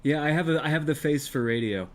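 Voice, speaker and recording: A man's voice: a little high, quick pace, noisy background. A man guesting on a live show, joking with dry self-deprecating humor. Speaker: guest illusionist. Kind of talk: casual chat.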